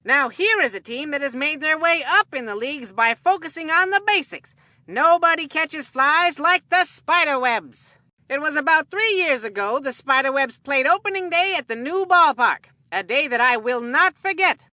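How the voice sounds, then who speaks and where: A woman performs the role of an excitable, food-loving boy who calls baseball in a cartoon game, using a folksy, earnest showman style. Her voice is high and moderately paced, recorded cleanly in a studio with no room sound.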